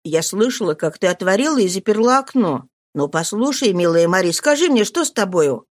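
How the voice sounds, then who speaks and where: A woman's voice: mid-range voice, lively intonation, fairly quick, close to an everyday voice. Woman reading an insistent, caring young friend. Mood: coaxing. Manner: coaxing and teasing. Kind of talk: audiobook reading.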